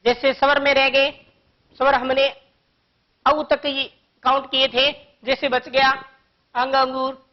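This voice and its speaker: A woman teaching a grammar lesson to young children, explaining patiently and slowly with one example after another. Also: high-pitched, flat delivery, highs cut off.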